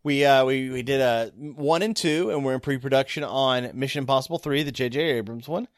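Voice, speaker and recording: A man's voice: mid-range voice, a little fast, no room sound, studio quality. A man co-hosting a casual movie podcast, playful and rambling with jokes. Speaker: podcast co-host.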